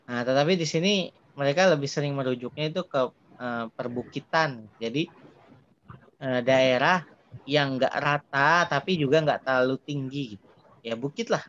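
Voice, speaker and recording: A man teaching an Arabic dialogue lesson in a relaxed, chatty way, often ending phrases with casual fillers. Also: mid-range voice, moderate pace. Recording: muffled lo-fi sound with faint background hiss.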